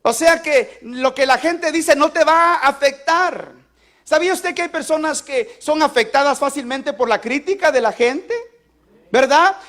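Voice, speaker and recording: High-voiced man preaching call-and-response. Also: a bit bright. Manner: asks the congregation to repeat lines aloud. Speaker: pastor. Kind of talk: sermon.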